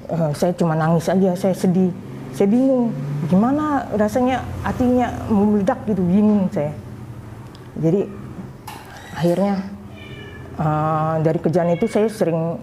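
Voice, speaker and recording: Mellow low-voiced woman telling her story. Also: measured pace, pauses often, a little hiss or hum. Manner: recounts with lively quoted dialogue. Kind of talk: personal testimony.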